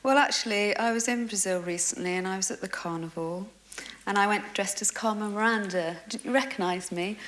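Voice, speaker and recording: A woman's voice: mid-range voice, a little fast, a bit bright. A woman answering questions on a TV dating show with flirty, hesitant replies. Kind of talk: scripted witty answers.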